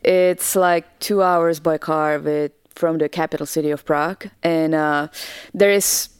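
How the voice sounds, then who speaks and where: A woman's voice: low-pitched, fairly even intonation, a little slow, clean tone, dry recording. Young woman talking on a podcast, dry close sound, friendly, lots of ums. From Czech Republic. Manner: friendly, hesitant with fillers. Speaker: guest, dancer. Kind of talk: casual podcast interview.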